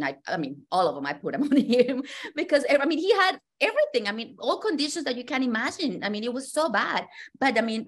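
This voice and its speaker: Earnest woman. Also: medium pitch. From Colombia. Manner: earnest, with frequent fillers and restarts. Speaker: testimonial guest. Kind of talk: personal testimony.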